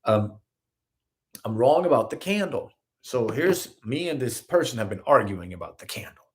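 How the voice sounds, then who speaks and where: A Swedish man with a Swedish accent hosts a live-streamed spiritual talk as a healer, speaking at a moderate pace in a mid-range voice that rises and falls a great deal. He addresses listeners in an earnest, animated, conversational way, often acting out brief everyday scenes in quotes to make his points.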